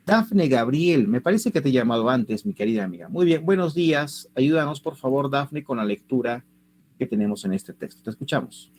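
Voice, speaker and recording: A man's voice: medium pitch, animated, moderate pace, darkish tone. A man leads an online language class. His voice rises and falls a lot as he keeps asking his students rhetorical questions. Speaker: teacher.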